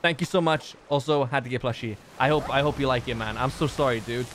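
A man's voice: medium pitch, fast, fairly bright tone. A man hosting a livestream, chatting casually and jokily with friends as he plays, swearing freely. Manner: jokey, sweary. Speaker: livestream host. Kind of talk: casual gaming chat with friends. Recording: faint background game noise.

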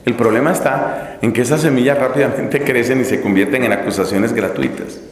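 A middle-aged man with a Colombian Spanish accent gives a lively, humorous sermon, acting out the people he talks about. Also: mid-range voice, a little fast. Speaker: Dominican friar preacher. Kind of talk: sermon to religious sisters. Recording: echoey hall, long reverb.

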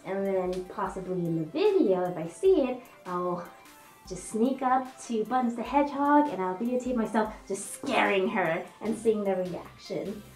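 Speaking through a fursuit head that muffles her slightly mellow, medium-pitched voice, a young woman vlogs cheerfully to camera with lots of fillers and false starts. The small indoor room is echoey, and soft music plays faintly.

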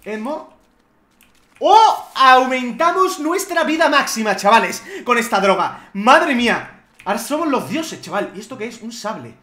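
Excitable gamer man with a Spanish accent. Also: very high-pitched, measured pace, reverberant. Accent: Spain. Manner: excitable, shouts and swears at the game. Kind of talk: let's play commentary.

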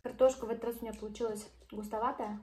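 High-voiced woman chatting while chewing. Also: little pitch movement, racing, mellow. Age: young adult. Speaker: mother hosting a family mukbang vlog. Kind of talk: casual mealtime chat. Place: living room at home, indoors. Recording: home recording with clear background noise, clicks.

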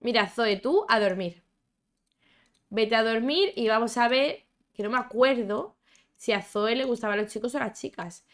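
A woman's voice: fairly high pitch, normal speed. Chatty young woman playing a game. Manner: chatty, exclamatory, talks to her game characters and viewers. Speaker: gaming YouTuber. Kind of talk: casual gameplay commentary.

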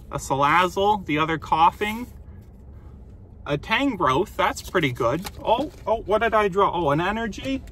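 A man's voice: a little high, sharp tone, slight background noise. A man casually chatting to viewers while opening card packs inside his car, easygoing and talkative. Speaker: vlogger. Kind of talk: casual pack-opening vlog.

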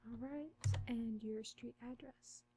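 A young woman in an ASMR role-play as a friendly, helpful librarian, speaking in a soft, intimate library soft voice. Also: fairly high pitch, fairly even intonation, slow pace, heavy background noise. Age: young adult. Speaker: ASMR performer playing a librarian. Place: small curtained room indoors.

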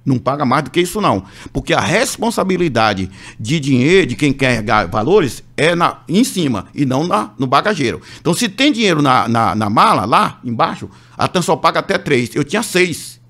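A man's voice: on the high side, moderate pace. A man from Brazil, a pastor, telling a testimony on a radio show and acting out the voices of the people in his story. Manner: animated, acts out voices of others in the story.

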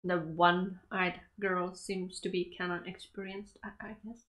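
A woman's voice: lowish voice, little pitch movement, unhurried, a bit bright. A young woman in a small bedroom giving casual reaction commentary to an anime episode, giggling and talking back at the screen.

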